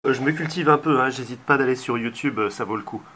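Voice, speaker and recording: A man's voice: mid-range voice, fast, sharp tone, slight background noise. A man giving a casual songwriting tutorial, talking hesitantly with many filler sounds.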